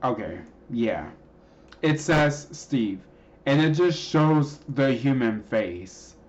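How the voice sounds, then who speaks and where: A man casually explaining a creepy cartoon clip, rambling with many pauses and restarts. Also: medium pitch, expressive, darkish tone, dull audio. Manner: hesitant, many ums and restarts. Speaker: video narrator explaining a clip.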